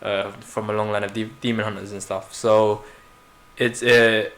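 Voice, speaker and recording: A man's voice: fairly low pitch, flat delivery, moderate pace, fairly bright tone, slight background noise. A man with a London accent, chatting casually and rambling on a podcast, slangy and full of fillers. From Philippines. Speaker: podcast co-host. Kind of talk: casual chat.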